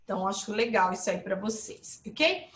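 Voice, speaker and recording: A woman teaching a live online English lesson, explaining with lively emphasis and checking in with her viewers. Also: mid-range voice, moderate pace, echoey room.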